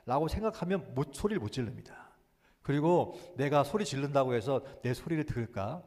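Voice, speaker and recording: A man preaching a Sunday sermon as pastor. He moves between loud, urgent exhortation and quiet musing, acts out inner thoughts in a small voice, and drops in short English phrases. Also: medium pitch, lively intonation, a little fast. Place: church sanctuary. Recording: long church reverb.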